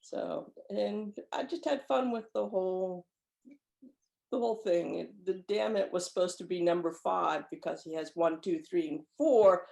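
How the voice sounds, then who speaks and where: Her voice is lowish, gravelly and warm, and she speaks unhurriedly as an author guest talking about her short story. In casual conversation she frequently performs imagined dialogue as she explains. Echo from the room colors the recording.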